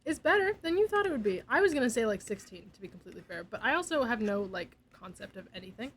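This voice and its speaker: A woman's voice: a little high, big pitch swings, quick pace, fairly bright tone, husky, poor audio. A young woman streaming, chatting casually and giggly, sometimes dropping to a near whisper. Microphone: desk mic.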